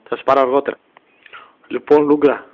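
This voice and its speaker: A man's voice: mid-range voice, level tone. A man doing a comic parody dub, switching between many put-on character voices in a teasing way. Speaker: parody voice actor. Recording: dull lo-fi home recording.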